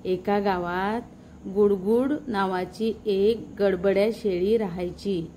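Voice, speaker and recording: A woman narrating a children's story, pausing to ask the young listeners questions. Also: medium pitch, fairly even intonation, a little hiss or hum. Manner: warm asides to young listeners.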